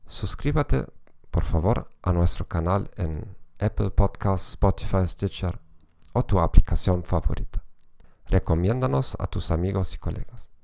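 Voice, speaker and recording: A man's voice: low-pitched, animated, a little slow, creaky, dark tone. A man with a German accent, a native German speaker, hosting a podcast with careful, scripted narration in a non-native tongue. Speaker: podcast host.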